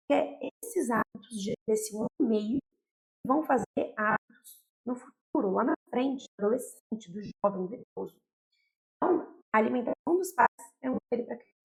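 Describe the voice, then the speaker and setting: Gravelly Brazilian woman pediatrician. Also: medium pitch, darkish tone, poor audio. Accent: Brazilian Portuguese. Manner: explanatory, speaks directly to parents with frequent "tá?" and "né?". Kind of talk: educational talk to parents.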